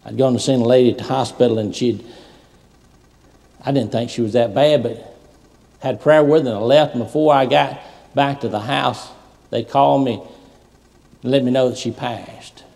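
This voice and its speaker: A man preaching a sermon as a pastor, telling stories and swinging from loud preaching to soft asides. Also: medium pitch, fairly even intonation, moderate pace, gravelly, pauses often. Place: large church sanctuary. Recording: long hall reverb.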